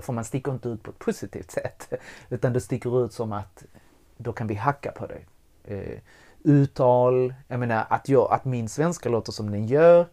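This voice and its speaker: A man telling a personal story in a conversation, candid and animated, swearing freely as he goes. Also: mid-range voice. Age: adult with young child.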